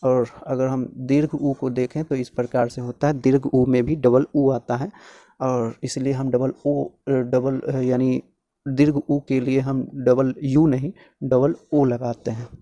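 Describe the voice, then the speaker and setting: A man teaching in a slow, patient way, sounding out each letter on its own and going over points again. His voice is mellow and warm, recorded close and dry with no room sound. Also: medium pitch, flat delivery, no room sound, lo-fi sound. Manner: slow, repetitive, spelling sounds out one by one. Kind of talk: explanatory lesson.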